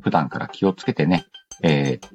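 A man with a rumbling low, darkish voice talks at a moderate pace while hosting a casual radio-style show, reading listener letters in a playful, slangy way and interrupting himself with asides. The audio is dull and lo-fi, with background music playing behind him.

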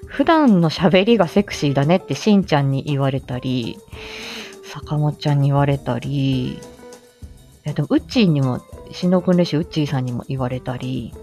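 A woman streamer chatting casually with her viewers, in a calm, low, clearly articulated voice with many filler words. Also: normal speed, faint music behind. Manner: chatty, frequent fillers, reads viewer comments. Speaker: streamer, voice reader. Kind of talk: casual livestream chat.

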